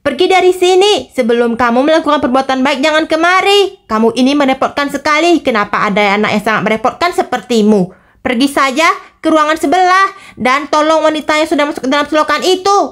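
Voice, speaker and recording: A woman's voice: high voice, quick pace, fairly bright tone. A woman voicing an impatient angel guarding a door, who scolds and talks in an exasperated way. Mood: scolding.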